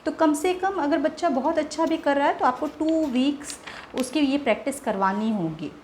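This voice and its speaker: A woman's voice: high-pitched, expressive, moderate pace, darkish tone, slight background noise. A woman teaching a phonics lesson, patiently sounding out letters one by one and explaining to parents how to practise with children.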